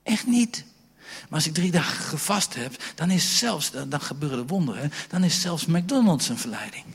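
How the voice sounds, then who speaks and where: A man delivers a sermon to a church congregation, breaking off now and then to talk straight to the people in front of him. His voice sits somewhat high and has a husky, breathy edge. Long reverb from the hall trails after every phrase. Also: lively intonation, moderate pace. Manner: conversational preaching with asides to the congregation. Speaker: pastor.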